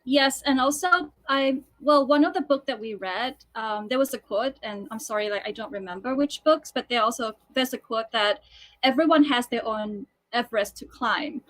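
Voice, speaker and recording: A musical theatre composer who grew up in Thailand, with Thai as her first language, chats casually on a video call, using many fillers and restarts. Her voice is fairly high and a bit bright, at normal speed.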